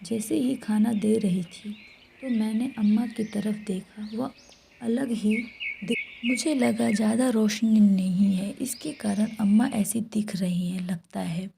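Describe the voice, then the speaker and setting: A woman's voice: mid-range voice, steady tone, unhurried, creaky, mellow, slight background noise. A woman whispering a first-person horror story throughout.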